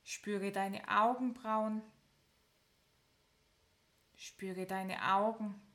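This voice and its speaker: With a medium-pitched voice, a woman calmly walks the listener through progressive muscle relaxation step by step, counting down at an unhurried pace and leaving long pauses.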